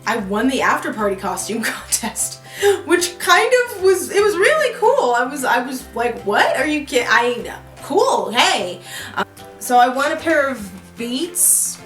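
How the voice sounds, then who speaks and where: A woman's voice: sits high, sing-song, unhurried, fairly bright tone, soft background music. A young woman vlogging from her apartment in a casual, rambling chat, full of fillers and restarts. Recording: roomy echo.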